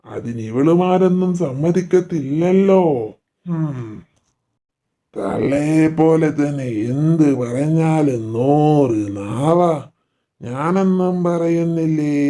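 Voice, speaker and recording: Grumpy nagging old grandmother, acted by a man; slow, slightly high, sharp tongue. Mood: scolding. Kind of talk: doll story voice acting.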